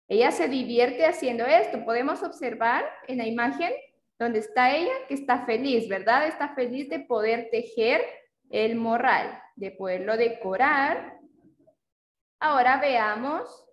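A woman teaching a kindergarten class, explaining slowly and patiently, calling the children her loves. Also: on the high side, reverberant. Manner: slow, patient, affectionate teacher talk. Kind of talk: online class with young children.

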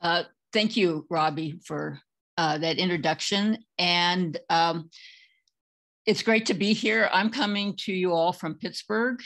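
Woman poet on a video call, low-pitched, very slow, chatty fillers between poems. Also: fairly bright tone. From California. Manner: unhurried, with filler-laden asides between poems. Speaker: featured poet. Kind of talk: poetry reading over video call.

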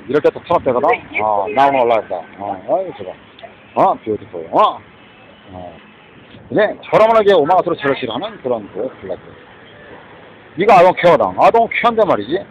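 A man's voice: medium pitch, sing-song, normal speed, long pauses, dull audio, a little hiss or hum. A man delivering a rambling, muttering monologue outdoors, trailing off and often tossing in a questioning "eh?". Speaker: street vlogger.

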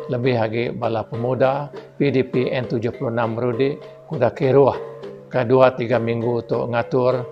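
A man giving a formal, measured speech as guest of honour, thanking the organisers. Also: mid-range voice. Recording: dull lo-fi recording with music behind. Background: music.

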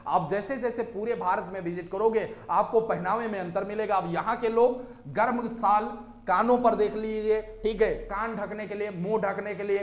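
A man's voice: high voice, steady tone, normal speed, roomy sound. A man teaching an exam-prep lecture, explaining step by step and often checking in with his students.

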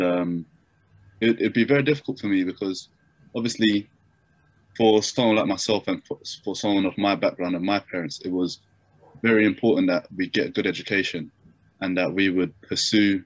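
This interview guest, a young man from Japan, recounts his story over a video call from his bedroom at home, often restarting and using fillers. He speaks at a moderate pace in a low, steady voice. The laptop webcam mic captures him with no echo.

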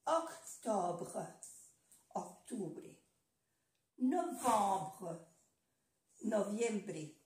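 A woman's voice: medium pitch, big pitch swings, drawn-out words, long pauses, darkish tone, far from the mic. An older woman giving a language lesson, patiently repeating each word several times and spelling it out letter by letter. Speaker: language teacher. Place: home room with the air conditioning on. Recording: echoey room, voice from away from the mic. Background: dog panting.

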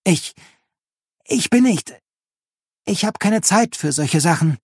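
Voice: mid-range voice, lively intonation, slow, a little mellow, slightly rough, no echo, studio quality, pitched above the performer's own voice, heavily acted. An audiobook narrator voicing a timid, put-upon man who answers his neighbor with stiff, curt politeness, in a raised voice. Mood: flustered. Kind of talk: audiobook reading.

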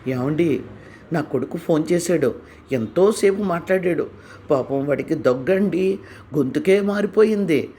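A man's voice: on the high side, lively intonation, a little slow, warm tone, slight background noise. A man voicing a worried, doting elderly mother who fusses and pleads. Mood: delighted. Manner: fussing, pleading.

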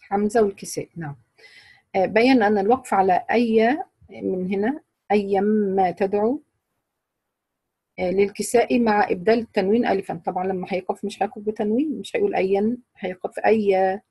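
A woman's voice: medium pitch, quick pace, warm tone, breathy edge, dry recording. A woman with an Egyptian Arabic accent teaching Quran recitation rules to a class, explaining patiently and quizzing her students.

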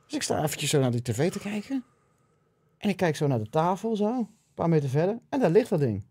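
A man talks as a podcast guest, spinning loose anecdotes and swearing freely. His voice sits fairly high but has a mellow, soft tone, caught close and dry on the mic. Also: sing-song, fast, slightly rough, no echo. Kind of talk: casual chat.

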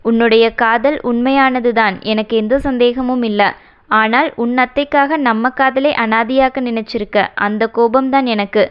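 A woman's voice: fairly high pitch, steady tone, measured pace, clear, resonant tone, highs cut off, natural voice. A woman voicing a young husband who speaks with hurt and reproach in an audiobook romance. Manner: wounded, reproachful dialogue.

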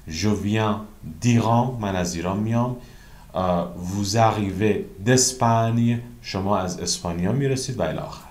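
A man teaching a beginner French grammar lesson, explaining each rule and then saying French example phrases slowly and carefully. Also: on the low side, echoey room.

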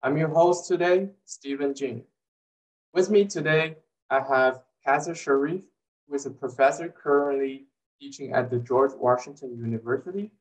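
A young adult man hosts an interview over a video call, speaking at a moderate pace in a medium-pitched voice. He's polite and a little hesitant when asking his questions. He's off-mic in an echoey room, with the mic distant.

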